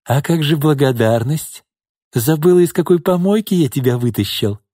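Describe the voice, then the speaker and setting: A man's voice: animated, normal speed, mellow, no room sound, clean studio sound. A man reading an audiobook voices a smug, menacing middle-aged thug who mocks and threatens. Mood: sneering. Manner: sneering, mocking, low menacing threats.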